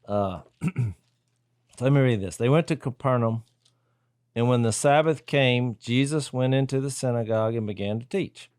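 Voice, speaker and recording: A man co-hosting a casual Bible discussion, thinking aloud and acting out quoted lines with sudden loud jumps. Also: mid-range voice, measured pace, no room sound, clean studio sound. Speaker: podcast co-host.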